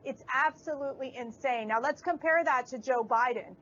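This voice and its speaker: A woman with a high voice gives energetic, mocking commentary as a guest on a political talk show. The audio sounds dull and lo-fi. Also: moderate pace. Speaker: panel guest.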